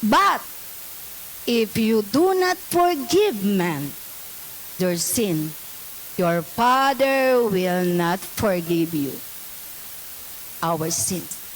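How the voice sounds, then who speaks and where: A woman's voice: medium pitch, lively intonation, very slow, pauses often, a little hiss or hum, rough recording. A woman pastor with a Filipino accent preaches a sermon in a church, switching between scripture read in English and Tagalog and asking the congregation questions.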